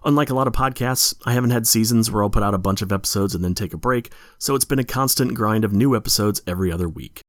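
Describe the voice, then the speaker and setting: A man's voice: fairly low pitch, fast, few pauses, dry recording, clean studio sound. A tired man hosting a podcast, reading a plainspoken scripted introduction. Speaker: podcast host.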